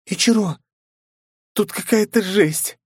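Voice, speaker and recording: A man's voice: sits high, takes it slowly, darkish tone, husky, dry recording, clean studio sound, pitched above the performer's own voice, full character voice. Man doing an agitated tough young woman fighter. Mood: urgent.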